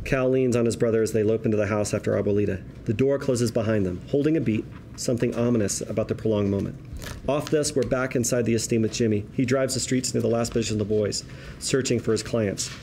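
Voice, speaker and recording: Reading the stage directions at a script table read, this man talks fast in a fairly low, dark-toned voice. His storytelling is vivid and wry, and background noise fills the room.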